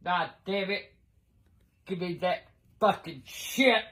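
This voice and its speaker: An older woman, a grandmother with an irate, blunt, profane manner, talking casually and often shouting in a home bedroom. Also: lowish voice, slow pace. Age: older, 60s or above. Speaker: grandmother in prank videos. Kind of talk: casual reactions to pranks. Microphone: handheld phone camera a short distance away.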